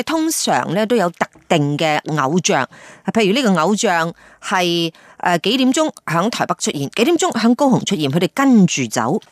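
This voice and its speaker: A woman hosts a radio feature in a chatty, easygoing way. Her pitch rises and falls a lot, and the sound is dry and close. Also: no room sound. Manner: chatty, lively, many pauses and fillers. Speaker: radio host. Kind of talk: Cantonese radio feature report.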